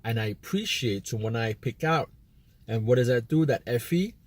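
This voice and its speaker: Talking casually to camera, this American video host rambles, repeats himself, and acts out imagined chats. He sounds animated, with a mid-range voice at normal speed.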